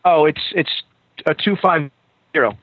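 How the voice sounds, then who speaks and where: A man co-hosting a podcast who calls in over a poor phone line that sounds like a payphone, asking deadpan questions and repeating his host's name before each one. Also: fairly high pitch, a little slow, no echo. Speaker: podcast co-host. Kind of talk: deadpan running gag chat. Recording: dull lo-fi phone call.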